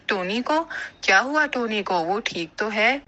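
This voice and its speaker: A woman voicing a kind, motherly female pigeon in an animated cartoon, speaking gently and giving advice. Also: medium pitch, dull audio. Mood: caring. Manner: gentle and advising.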